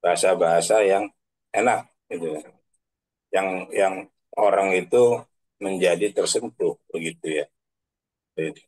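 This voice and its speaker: A man's voice: low voice, darkish tone, rough recording. A man giving a casual online religious talk as a preacher. He speaks in slangy everyday phrasing, tags his sentences with filler questions and laughs at his own examples. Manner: chatty, tags sentences with 'kan begitu'. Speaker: Islamic preacher.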